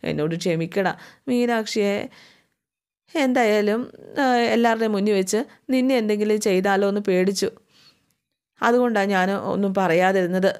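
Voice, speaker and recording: A woman's voice: medium pitch, normal speed, long pauses, darkish tone, smooth, natural voice. A young man full of remorse who begs his brother's forgiveness, as a woman storyteller puts him on. His pleading lines come in the plain voice of a spoken story. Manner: pleading, apologetic.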